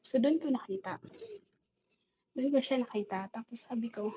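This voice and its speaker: A woman's voice: fairly high pitch, normal speed, dark tone, dull audio, a little hiss or hum. Aggrieved Filipino woman telling a rambling story. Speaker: domestic helper vlogger. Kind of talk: casual storytelling vlog.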